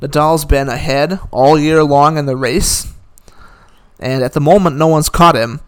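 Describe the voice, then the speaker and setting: A man's voice: on the high side, fairly even intonation, unhurried, clean tone. A man giving a casual, opinionated recap of the day's tennis results, rattling off scores with dry asides. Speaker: tennis commentator.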